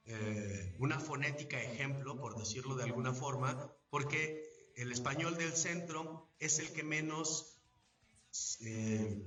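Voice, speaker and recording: A male voice actor with a Mexican accent, explaining at length in a measured, teaching way during a live event interview. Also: medium pitch, fairly bright tone. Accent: Mexican Spanish. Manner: didactic, measured, asks if understood. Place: event venue. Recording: echoey, distant, dull sound.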